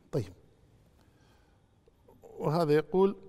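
A man gives a religious question-and-answer lesson, preaching with animation and rising to loud rebukes. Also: a little high, very slow. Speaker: Islamic scholar answering questions. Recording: long hall reverb.

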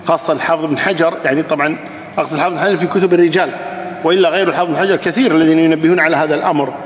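A man teaching hadith sciences, slowly reciting lines of a classical poem and then explaining them at an easy, patient pace. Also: fairly high pitch, fairly even intonation, echoey room, in a large hall.

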